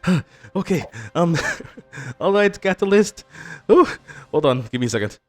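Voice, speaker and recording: A man voicing a flustered field agent who is out of breath, speaking higher and louder than his narration. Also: expressive, normal speed.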